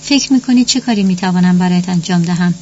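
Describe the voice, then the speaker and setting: A woman's voice: fairly low pitch, darkish tone, lightly acted. Cold proud mother, as a woman reads her. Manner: cold and dismissive. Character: cold, proud, sickly middle-aged mother. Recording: muffled recording with faint hum.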